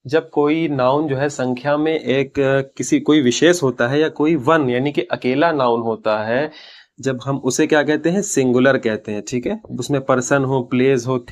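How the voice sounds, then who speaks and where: A man leads an English grammar lesson in a classroom manner. His voice sits at a middle pitch, and he works through the rules step by step. He poses questions and answers them himself, and reads English phrases slowly and carefully.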